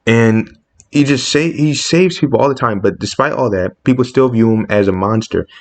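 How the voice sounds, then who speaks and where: A man giving a casual opinion monologue as a comics commentator, talking passionately and rising sharply in pitch when indignant. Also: moderate pace.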